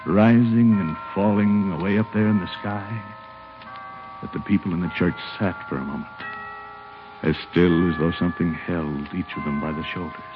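An actor playing a gentle, plain-spoken man with an uneasy conscience in an old-time radio drama. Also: deep voice, fairly even intonation, normal speed, over music, natural voice. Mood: solemn storytelling. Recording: muffled, noisy old radio broadcast.

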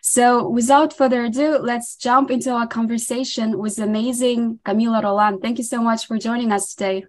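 A woman's voice: a little high, steady tone, a little fast, few pauses. A woman hosting a podcast, reading a scripted intro and asking interview questions in an upbeat, effusive way. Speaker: podcast host.

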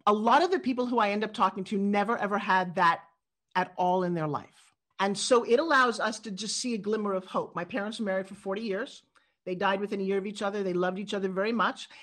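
A middle-aged woman from New York, a guest in an interview, telling stories in a quick and expressive way. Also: mid-range voice. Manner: animated storyteller, quick and expressive. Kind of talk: interview conversation.

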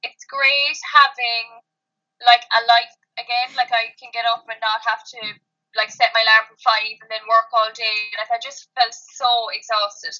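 A woman's voice: a little high, little pitch movement, unhurried, bright, forceful tone, highs cut off. A woman from Kerry with a west of Ireland Kerry accent, chatting casually as an interview guest and peppering her sentences with "like". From County Kerry, Ireland. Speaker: interview guest, online fitness coach.

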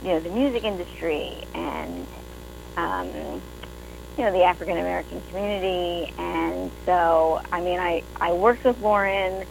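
A woman's voice: lowish voice, lively intonation, moderate pace, creaky, slight background noise, poor audio. Chatty New York woman guest. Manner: chatty, many fillers, warm. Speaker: actress and writer guest. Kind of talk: interview conversation.

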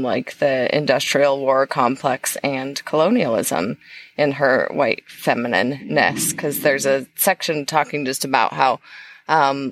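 A woman co-hosting a podcast in casual chat, blunt and sarcastic, laughing often. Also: very deep voice. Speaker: podcast co-host.

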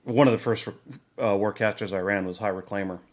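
A man co-hosting a casual podcast chat, talking in a measured, meandering way. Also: lowish voice, fairly even intonation. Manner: measured, many fillers and restarts. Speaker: podcast co-host.

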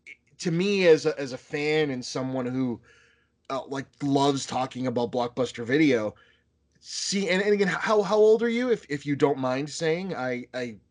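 A man in his thirties from the area talks as an interviewer in an easygoing, rambling way, filling his sentences with "you know" and "like" and restarting often. His voice sits at an ordinary middle pitch. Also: expressive, moderate pace. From Boston area. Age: 30s. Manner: rambling, many fillers and restarts. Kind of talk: casual conversational interview.

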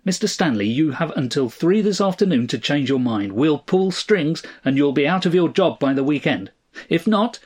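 A man's voice: medium pitch, lively intonation, fairly quick, few pauses, darkish tone, husky. A man voicing an angry, brawny male head mechanic who demands and threatens. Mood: menacing. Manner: aggressive, demanding, mocking.

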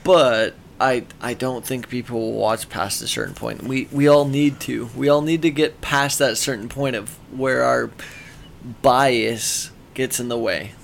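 A man's voice: medium pitch, fairly even intonation, measured pace, creaky, slight background noise. A tipsy man co-hosting a casual podcast, rambling, swearing and stumbling over his words. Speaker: podcast co-host. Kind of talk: casual chat.

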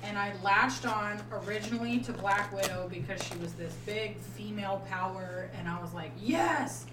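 A woman's voice: medium pitch, fairly even intonation, normal speed. Lady on a podcast swapping stories n banter, echoey room, bit far from mic. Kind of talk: casual group chat, telling personal anecdotes. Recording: roomy echo, distant mic, clear background noise.

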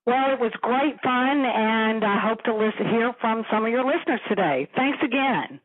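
A woman's voice: a little high, normal speed. A woman guest on a radio talk show, upbeat and explanatory, calling in by phone. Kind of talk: radio interview. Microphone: telephone. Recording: phone line.

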